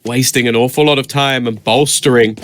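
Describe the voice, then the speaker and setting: A man doing live esports play-by-play as a caster, building into excited, drawn-out calls at big moments. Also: mid-range voice.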